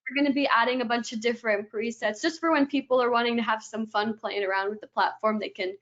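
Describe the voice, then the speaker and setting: A woman with a slightly high voice eagerly walks through a software product as a webinar guest, chaining each step with "and then." The sound is dull and lo-fi, as though it came through a video call. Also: fairly even intonation, quick pace. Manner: eager explaining, strings steps together with "and then".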